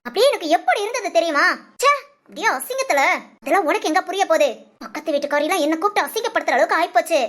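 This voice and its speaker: A woman playing a sharp-tongued young mother who nags and scolds her family in a short drama. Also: very high voice, animated, very fast. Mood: bitter. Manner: nagging, cutting scolds.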